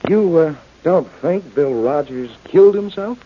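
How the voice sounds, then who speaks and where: Smooth menacing doctor, husky and high-pitched. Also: male voice, animated, a little slow. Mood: insinuating, probing. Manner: coolly polite, insinuating, hesitant probing. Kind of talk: old-time radio crime drama acting. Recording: dull, lo-fi old radio recording.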